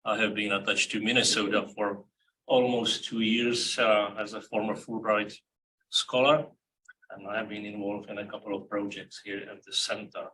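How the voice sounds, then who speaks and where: A visiting scholar from the Czech Republic addressing an event, halting and repeating words. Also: male voice, fairly low pitch, level tone, bright, forceful tone. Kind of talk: event presentation speech. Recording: distant mic with faint room noise.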